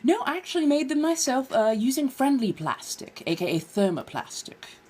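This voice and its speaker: A high-pitched, mellow woman with big pitch swings and a normal speed hosts a casual livestream. Though from California, she adopts a posh colonial American accent and genteel airs, calling her listeners dears and darlings.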